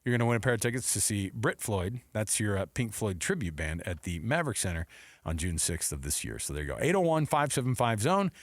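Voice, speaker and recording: Here a middle-aged sports radio host speaks quickly in a lowish voice, keeping the chat casual and his storytelling jokey and animated. The recording is studio quality from a close microphone, without echo.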